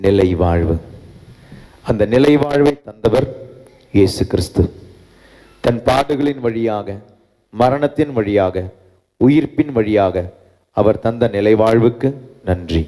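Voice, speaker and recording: Priest preaching in an echoing church. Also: male voice, medium pitch, dark tone. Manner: preaching with repeated refrains, switching into English. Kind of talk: sermon. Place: large church. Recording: long church reverb.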